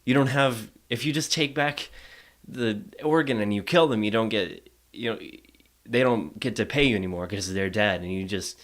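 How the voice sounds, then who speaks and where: A man's voice: on the low side, normal speed, fairly bright tone. A drunk man giving a casual, rambling comedic recap of a film, repeating himself with theatrical exasperation. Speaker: comic storyteller.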